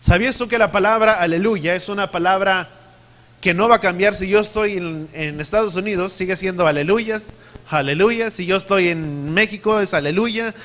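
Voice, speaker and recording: A man's voice: high-pitched, normal speed, a bit bright. A man preaching a sermon, teaching emphatically, putting questions to his listeners and spelling out words letter by letter.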